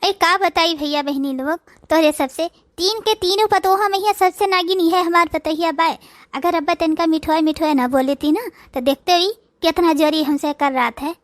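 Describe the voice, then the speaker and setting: A woman's voice: very high voice, moderate pace, dry recording. A woman voicing a grumbling, suspicious old mother-in-law in a cartoon, speaking with an Awadhi accent. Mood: complaining. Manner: whiny, complaining, gossiping to the audience. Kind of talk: comic cartoon dialogue.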